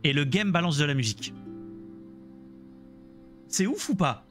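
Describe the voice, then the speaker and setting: A man's voice: a little high, animated, unhurried, a bit bright, soft background music. A man streaming a Let's Play, chatting casually about the game and joking with his viewers. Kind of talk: casual gameplay commentary.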